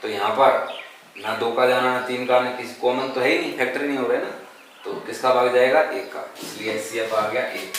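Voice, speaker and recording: A man's voice: mid-range voice, steady tone, moderate pace, a bit bright. A male math teacher, working through sums on the board and reciting times tables aloud as he asks his class questions and answers them himself. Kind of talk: board lesson. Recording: echoey room, mic far off, noisy.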